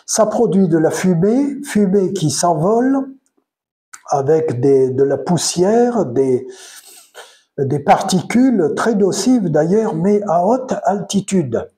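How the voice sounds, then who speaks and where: An older retired man with a Provençal French accent, musing in a casual solo monologue, pausing often with fillers. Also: high-pitched, animated, mellow. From France. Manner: hesitant, many pauses and fillers; unhurried, chatty. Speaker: retired commentator.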